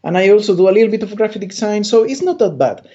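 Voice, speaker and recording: The speaker, a Bolivian man who draws comics, talks fast in a high, warm, expressive voice during a relaxed interview. His talk meanders with plenty of stammering and restarts, and the lo-fi recording sounds dull.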